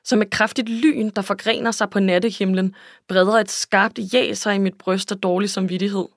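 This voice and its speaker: A woman's voice: medium pitch, steady tone, dry recording, studio quality. A woman reading a first-person novel aloud in an emotional, intimate way. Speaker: audiobook narrator. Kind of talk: scripted first-person narration.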